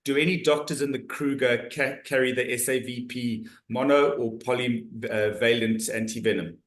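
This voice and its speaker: Steady in tone, with a mid-range voice and moderate pace, a middle-aged South African man moderates an online Q&A for a talk series. He reads out audience questions casually and amiably, frequently restarting, with roomy video-call echo.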